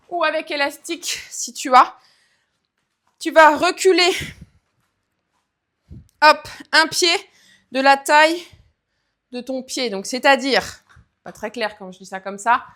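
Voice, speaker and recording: A woman's voice: sits high, sharp tone. A woman leading a guided leg workout, counting reps and cueing form as she exercises. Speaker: fitness coach.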